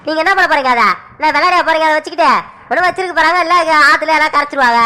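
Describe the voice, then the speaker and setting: A woman's voice: high-pitched, pushed and bright. A woman voicing a young male clay idol seller in a cartoon who is impatient and haggles hard over prices. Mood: bargaining. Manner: impatient, haggling, rushes customers. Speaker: shopkeeper. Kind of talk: cartoon voice acting.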